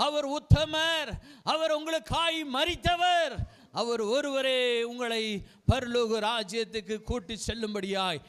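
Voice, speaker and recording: A man's voice: very high-pitched, fairly bright tone, clear, resonant tone. A male pastor preaching a fervent sermon and leading prayer, pleading with listeners and repeating his appeals to God.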